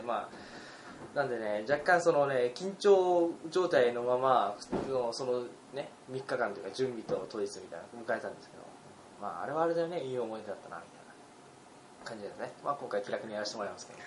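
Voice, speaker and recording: A young man in his twenties co-hosting a casual podcast chat, an animated storyteller who laughs often and acts out the lines of the people in his stories. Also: medium pitch. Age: 20s. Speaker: podcast co-host. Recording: roomy recording with faint background hiss.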